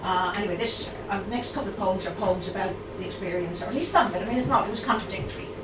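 A middle-aged poet from Ireland, speaking in a mid-range voice with a Dublin accent, gives a live reading that's steady and measured, interrupted by hesitant, um-filled chat between poems. Heavy background noise and a constant room murmur sit under her voice, which sounds distant in a reverberant space.

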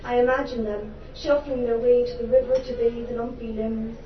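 An Irish woman performs her spoken word poetry before a live audience, impassioned and theatrical with wry, humorous asides. Her voice is on the high side, with fairly even intonation and a moderate pace. The live recording sounds roomy, distant and dull, with background noise.

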